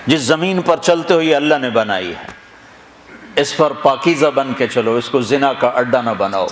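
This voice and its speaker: A man giving a storytelling sermon, retelling scripture dramatically and slowly reciting verses between the narration. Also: medium pitch, expressive. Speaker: preacher. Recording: echoey hall with long reverb, faint noise.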